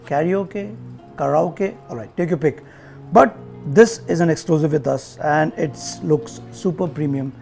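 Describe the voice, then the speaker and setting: Faint music sits behind this Indian-accented man in his forties, a tech reviewer doing an unboxing in a showroom-like room. He talks to viewers conversationally and unhurriedly, his voice on the high side, dark in tone and marked by vocal fry.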